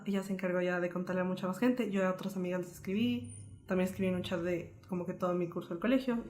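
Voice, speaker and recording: A young woman from Colombia earnestly telling a painful personal story as a podcast co-host, in a lively, flowing way. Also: lowish voice, fast talker, faint music behind.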